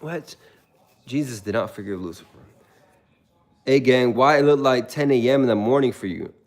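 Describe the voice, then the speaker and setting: A man's voice: mid-range voice, normal speed. A young man chatting casually on a livestream, telling stories with animation and reading viewers' comments aloud. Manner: animated storytelling, reads chat aloud.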